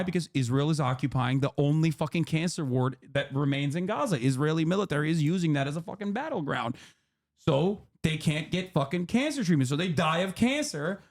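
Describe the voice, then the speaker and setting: A man in his thirties hosting a stream, explaining politics to a guest in a heated, profane way and pushing his voice up hard for emphasis. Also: a little high. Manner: impassioned, profane, rising to near-shouting emphasis. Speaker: streamer host.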